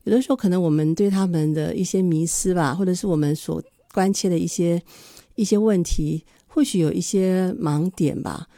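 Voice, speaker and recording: A woman with a Taiwanese accent hosting a radio interview in a measured, polite presenter's delivery. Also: on the low side, warm tone, no room sound. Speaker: radio host.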